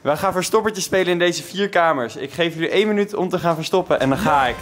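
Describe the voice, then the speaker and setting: A man in his twenties chats casually for a vlog, holding the camera at arm's length. He has a high-sitting voice and talks fast, with soft music in the background.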